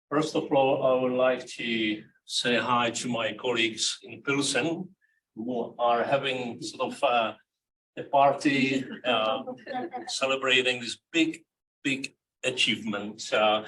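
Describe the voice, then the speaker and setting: A visiting scholar from the Czech Republic addressing an event, halting and repeating words. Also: male voice, medium pitch, bright, forceful tone. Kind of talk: event presentation speech. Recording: distant mic with faint room noise.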